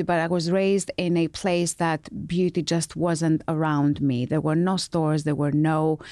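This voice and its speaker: Middle-aged woman from Greece, low and dry, relaxed anecdotal delivery. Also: no echo. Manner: storytelling, with fillers. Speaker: guest entrepreneur. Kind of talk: interview conversation.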